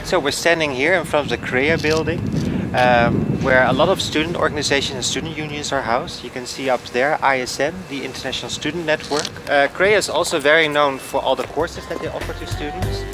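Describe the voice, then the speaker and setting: A young man acting as a student guide, explaining buildings outdoors in a steady, informative way. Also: on the high side, a little fast, over loud music. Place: outdoors on a city street.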